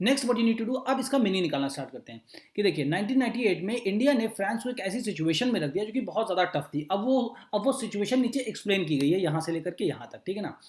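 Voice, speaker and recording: A man teaching an exam-prep lesson, reading English phrases slowly and then explaining them, often checking in with his students. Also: high voice, very animated, roomy sound. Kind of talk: editorial reading lesson mixing Hindi and English.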